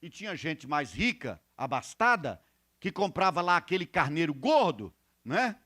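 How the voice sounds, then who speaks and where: A man preaching a sermon at a church retreat, telling Bible stories and acting out their people, swinging from loud emphasis to quiet confiding asides. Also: fairly high pitch, sing-song, unhurried. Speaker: pastor.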